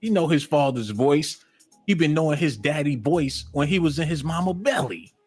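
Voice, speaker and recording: A man's voice: a little high, lively intonation, moderate pace, darkish tone, breathy edge, faint music behind. A male host giving mocking, profane comedic commentary on a stream.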